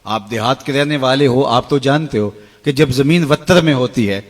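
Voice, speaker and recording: Middle-aged guy preaching, really emotional, loud then quiet, normal mid voice. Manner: impassioned, swings between soaring cries and hushed lows; chants Arabic verses slowly. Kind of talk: emotional Islamic sermon.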